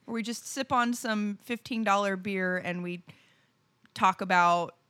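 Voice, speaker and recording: A woman in her thirties co-hosting a podcast, chatting casually, animated and quick to laugh, with frequent swearing. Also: medium pitch, clean tone, no room sound. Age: 30s. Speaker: podcast co-host. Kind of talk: casual chat.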